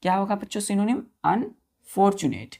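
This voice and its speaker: A woman's voice: medium pitch, big pitch swings, normal speed, creaky, warm tone. A woman teaching English vocabulary as a classroom-style lesson, spelling words letter by letter and quizzing her pupils. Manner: addresses listeners as children.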